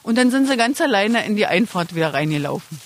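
A woman's voice: mid-range voice, big pitch swings, fast talker, slight background noise. A woman in an interview, telling a story plainly and unhurriedly as an alpaca owner.

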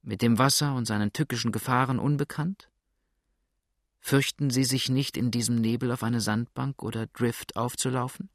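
A man reading the part of a frightened, grieving young woman in an audiobook, speaking softly and anxiously. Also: medium pitch, steady tone, moderate pace, no room sound, studio quality, pitched above the performer's own voice, close to an everyday voice. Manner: soft, anxious and hushed.

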